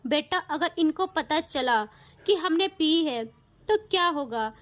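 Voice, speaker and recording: A woman's voice: high voice, lively intonation, slow pace, fairly bright tone, exaggerated voice. A woman voicing a feisty, quarrelsome young bride-to-be in a spoken audio story. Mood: fierce.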